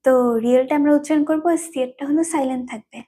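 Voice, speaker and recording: Patient high-voiced woman teaching slowly. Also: steady tone, background noise. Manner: patient, repeats each term slowly three times; repetitive. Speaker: language teacher. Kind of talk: explaining a language lesson.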